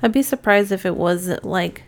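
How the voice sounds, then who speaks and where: A woman co-hosting a podcast, chatting casually about movies in a relaxed, hedging way with many fillers. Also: medium pitch, moderate pace. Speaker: podcast co-host. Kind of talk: casual movie-review chat.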